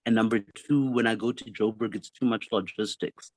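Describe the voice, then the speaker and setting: A South African man in his fifties, a comedian guest in a casual interview, telling his story with quick jokes. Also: lowish voice, steady tone, dry recording, low-quality recording. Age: 50s. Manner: jokey, quick one-liners.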